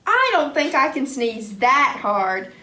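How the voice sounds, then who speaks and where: A woman's voice: high-pitched, sing-song, pushed and bright, heavily acted. A woman voicing a clumsy, earnest little girl puppet in a church puppet skit, recorded from afar in an echoey room. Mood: sheepish. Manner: slow, earnest, childlike. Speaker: puppet character in a kids class skit. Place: church classroom. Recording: roomy hall, mic far off.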